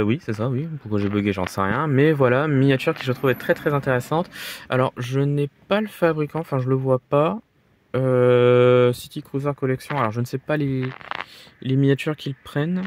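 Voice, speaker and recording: A man vlogging about his flea market finds in a halting, casual way, full of fillers and repeated words. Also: medium pitch, slight background noise. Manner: halting, filler-heavy, repeats "très, très" and "voilà". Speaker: vlogger showing model car finds. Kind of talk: casual vlog commentary. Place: flea markets and indoors at home.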